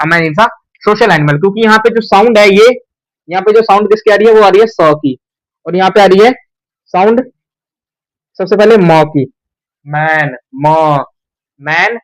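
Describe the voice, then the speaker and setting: A young male teacher explains grammar at a board with a fairly high voice. He poses each question to the class and answers it himself, often saying a word twice for emphasis. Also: brisk, poor audio. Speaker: English teacher. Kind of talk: whiteboard grammar lesson.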